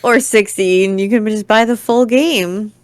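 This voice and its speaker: A woman's voice: medium pitch, normal speed. A woman co-hosting a podcast, chatting casually and teasingly. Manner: playful, teasing. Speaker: podcast co-host. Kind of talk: casual chat.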